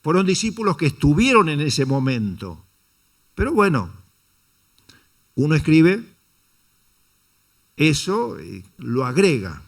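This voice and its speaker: A pastor preaches a Sunday sermon in a slightly high, creaky, sing-song voice, speaking slowly with long pauses. He asks the congregation rhetorical questions, calls them brother, and dramatizes quotes by shifting his intonation.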